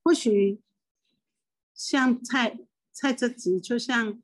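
A woman's voice: fairly high pitch, very slow, rough recording. An older woman from Taiwan, a spiritual medium and hypnotist, speaks with a Taiwanese Mandarin accent. She gives a rambling, emotional personal monologue full of restarts.

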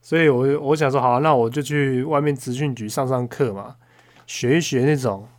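A young man hosting a podcast, telling a story in a casual, heated rant full of swearing. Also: medium pitch. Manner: swears constantly, heated and indignant; frequent fillers and restarts, storytelling. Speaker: podcast host. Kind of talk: casual ranting monologue.

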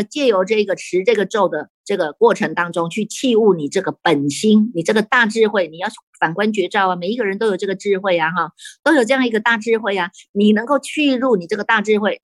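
A woman, a Buddhist nun with a Taiwanese Mandarin accent, giving a sutra sermon in an animated storytelling way, full of rhetorical questions and tag particles. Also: mid-range voice, dry recording.

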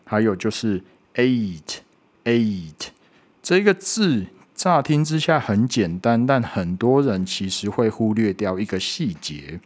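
In this spoken pronunciation lesson, an English teacher with a rather low male voice swings widely in pitch. He patiently models every sound at a slow pace, repeats it a few times, and keeps checking in with a short "OK".

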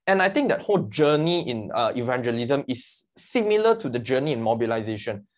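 A man's voice: medium pitch, big pitch swings, fairly quick. A man speaking as a guest about his work as a mission mobilizer, earnest and explaining with analogies. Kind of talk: conversational interview.

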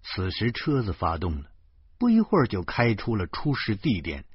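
Husky, animated male storyteller. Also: fairly low pitch, moderate pace, dry recording. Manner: lively, exclamatory, colloquial. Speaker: audiobook narrator. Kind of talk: storytelling narration. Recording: dull lo-fi recording.

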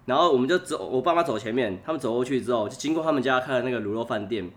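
A man's voice: mid-range voice, very fast. A young man with a Taiwanese Mandarin accent, a podcast guest telling funny stories in casual chat and laughing often.

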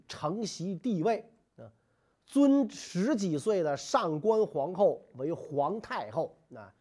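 A history storyteller who chats through the tale with jokey asides and lots of movement in the voice. The delivery is relaxed and conversational. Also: medium pitch. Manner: lively, joking asides. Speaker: storyteller host.

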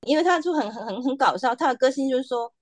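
A woman chatting as a podcast guest, telling her own story with animated quoted asides. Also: high voice, no room sound. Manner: animated storytelling, quoting others in quick asides. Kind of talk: casual chat.

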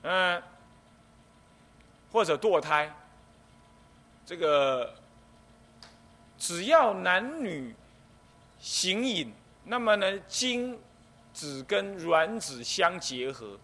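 A middle-aged man, a Buddhist abbot, lecturing on the precepts. He explains step by step and acts out the things people might say. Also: sits high. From Taiwan. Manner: explanatory, lively, acts out quoted speech. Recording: faint background noise.

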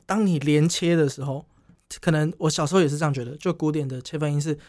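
A man's voice: a little high, quick pace, darkish tone, faint music behind. A young man, a guest jazz musician explaining styles in an easygoing way. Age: young adult. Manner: explanatory, easygoing, demonstrates rhythms aloud. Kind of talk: casual chat.

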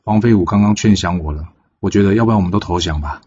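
Gullible young general in a storybook tale, a man reading him, husky low voice. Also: fast talker, a little mellow, lo-fi sound.

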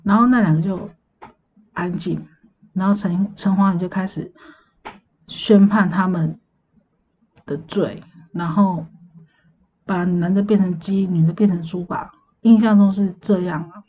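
A woman, casually telling a dream story on her podcast in a chatty, meandering way, often pausing to recall details. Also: on the low side, steady tone, a little mellow, muffled recording, a little hiss or hum. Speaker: podcast host.

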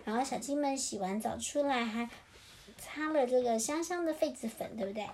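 Woman, high voice, gentle bedtime storyteller. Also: moderate pace, slight background noise. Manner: gentle, singsong, addressing children. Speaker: parent storyteller.

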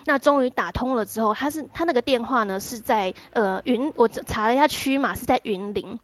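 A woman, telling a story on a talk show in an animated way, full of restarts and repeats. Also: a little high, fairly quick, dry recording. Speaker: guest storyteller. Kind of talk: casual storytelling on a live chat show.

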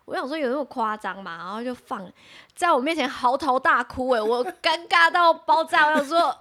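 A woman co-hosting a casual podcast, telling stories in an animated way and laughing often. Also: high voice, normal speed. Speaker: podcast co-host. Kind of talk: casual chat.

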